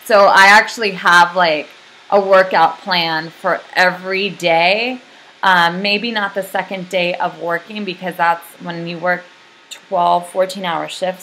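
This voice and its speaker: Young woman chatting to her camera, kinda low voice, rambly, says um a lot. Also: sharp tone. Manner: rambling, full of ums and likes. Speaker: vlogger. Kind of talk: casual video update.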